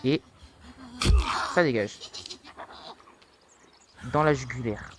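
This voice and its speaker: A young man giving casual let's-play commentary, taunting and excitable, with sudden high-pitched yelps. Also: drawn-out words, background noise. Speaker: gaming youtuber.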